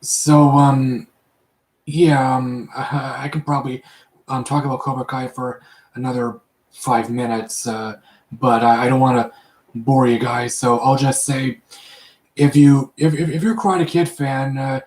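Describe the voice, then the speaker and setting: Halting, stammering man in an echoey room. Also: medium pitch, steady tone, a little mellow. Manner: halting, many repetitions and fillers. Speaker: live chat host. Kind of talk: casual live stream chat. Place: his room.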